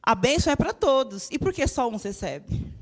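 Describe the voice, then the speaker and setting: A young adult Brazilian woman preaching a lively, emotional sermon in a church. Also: sits high, moderate pace. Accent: Brazilian Portuguese. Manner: lively and emotional, with laughter and mimicked voices.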